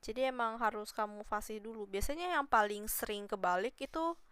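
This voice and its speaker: A woman's voice: fairly high pitch, brisk, fairly bright tone, clean tone, no echo. A woman teaching Mandarin on a casual live stream, chatty and patient, modelling tones by repeating syllables.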